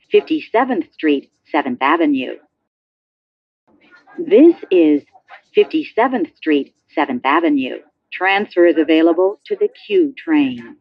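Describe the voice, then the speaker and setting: A woman delivers a scripted subway announcement at an unhurried pace. Her pitch sits a little low and moves in lively swings as she enunciates each phrase. The sound is muffled and dull. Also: husky, dry recording. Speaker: transit announcer.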